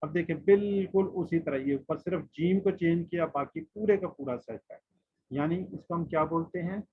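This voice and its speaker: A man's voice: fairly high pitch, moderate pace, slightly rough. A man teaching a Quran class online, patiently drilling letters and word forms and asking his students questions. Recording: muffled lo-fi online class audio.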